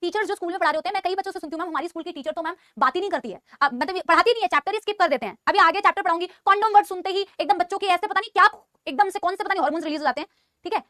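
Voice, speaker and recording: A woman's voice: very high voice, racing, dry recording, studio quality. A woman teaching biology in a live online class, mixing Hindi with English and calling her students "beta". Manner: scolding yet insisting she is calm.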